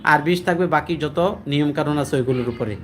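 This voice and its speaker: Man as a Quran recitation teacher, fairly high voice, explains plainly, then chants verses slow and drawn out. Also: slight background noise. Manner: explains rules, then chants Arabic verses slowly and higher.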